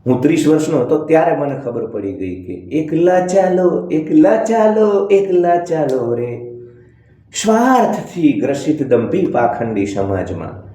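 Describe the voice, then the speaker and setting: Motivational speaker, man; preachy, scolding, sarcastic; warm low timbre, reverberant room. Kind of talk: blunt motivational monologue.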